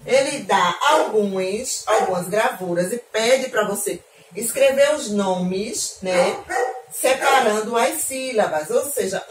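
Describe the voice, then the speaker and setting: A young woman with a Brazilian accent, a primary school teacher explaining homework to children in a patient, slow way, repeating and spelling things out. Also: medium pitch. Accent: Brazilian Portuguese. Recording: echoey room, voice from a distance, faint noise.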